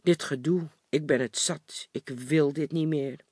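A man's voice: fairly high pitch, measured pace, husky, dry recording, clean studio sound. A man voicing a worn-out, resigned mother in a storybook reading. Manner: flat, resigned. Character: defeated, exhausted middle-aged mother.

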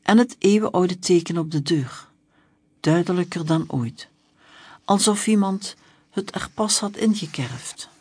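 Slow, husky storybook narrator. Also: mid-range voice, darkish tone, dry recording, studio quality.

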